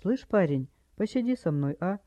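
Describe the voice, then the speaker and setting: A man's voice: sits high, expressive, moderate pace, warm tone, no room sound, pitched above the performer's own voice. A man voicing a rambling drunk widower. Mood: maudlin. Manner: plaintive, rambling. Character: drunk grieving widower, maudlin and theatrical. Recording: dry, slightly dull recording.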